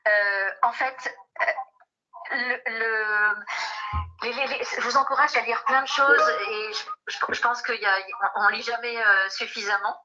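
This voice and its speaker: Sharp woman on a distant speakerphone. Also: fairly high pitch, faint music behind. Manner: halting, repeats words as she restarts. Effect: heard through a phone on speaker, held away from the mic. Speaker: guest author. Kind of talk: casual closing remarks. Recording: dull lo-fi phone line.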